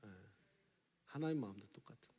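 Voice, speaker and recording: A man preaching a live Sunday sermon as pastor, animated and acting out quoted voices. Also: medium pitch, brisk. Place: church sanctuary. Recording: live sermon in a large reverberant sanctuary.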